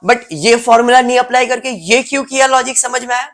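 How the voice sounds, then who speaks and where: A man's voice: very high voice, fairly quick, a bit bright. Male teacher lecturing. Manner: explanatory, teasing students by name. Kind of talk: classroom lecture. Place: classroom with students.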